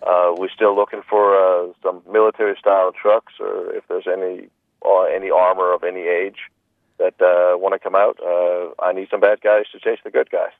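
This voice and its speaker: A man's voice: low voice, flat delivery, moderate pace, vocal fry, dry recording, narrow, tinny audio. A man interviewed on radio about his film, joking and rambling, with many restarts. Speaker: film director being interviewed.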